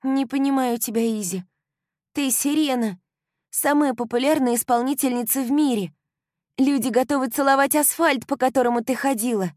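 A woman doing a gushing young girlfriend, loud and high. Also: normal speed, dry recording, clean studio sound, lightly acted. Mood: excited. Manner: high, loud, breathless exclaiming. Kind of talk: audiobook character voice.

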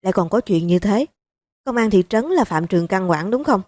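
A woman's voice: mid-range voice, expressive, brisk, no echo, studio quality, natural voice. Woman voicing a blunt hot-tempered police chief. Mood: angry. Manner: blunt, forceful, cursing.

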